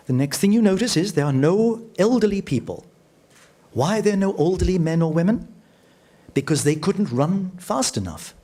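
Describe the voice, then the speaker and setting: Man telling a story in a lecture. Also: a little mellow. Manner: vivid, acts out dialogue with shifting pitch; slows down and drops low for emphasis. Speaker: lecturer, radio journalist. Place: lecture hall.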